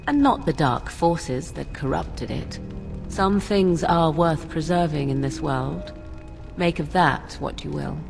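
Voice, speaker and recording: Cool, persuasive witch, swooping intonation. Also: fairly low pitch. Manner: formal, archaic, measured phrasing. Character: cool, persuasive young witch offering a dark ritual. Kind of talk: dramatic fantasy game dialogue.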